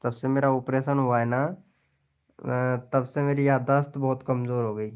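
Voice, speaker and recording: Chatty, smooth-voiced young man on a live stream. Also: mid-range voice, little pitch movement, a little slow, a little mellow. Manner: chatty, teasing, talks straight to viewers. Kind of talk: casual live-stream chat.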